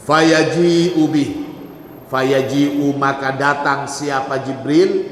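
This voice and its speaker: A man's voice: mid-range voice, steady tone, extremely slow, a little hiss or hum. A man teaching a religious text to students, reading out Arabic phrases and explaining each one in turn. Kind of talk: kitab study sermon. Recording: echoey hall with long reverb.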